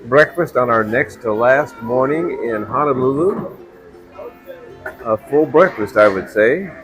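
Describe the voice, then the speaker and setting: Slow-talking older man chatting casually. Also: medium pitch, music in the background, poor audio. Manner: relaxed, chatty. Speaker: travel vlogger. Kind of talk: casual chat on camera.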